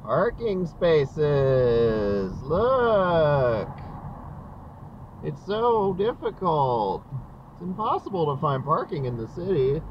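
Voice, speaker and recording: A man's voice: a little high, big pitch swings, extremely slow. A man from Indiana making wry, muttered, casual remarks while driving, caught on dashcam audio. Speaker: driver filming bad drivers. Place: inside a moving car. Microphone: dashcam microphone. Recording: muffled dashcam audio, loud car noise.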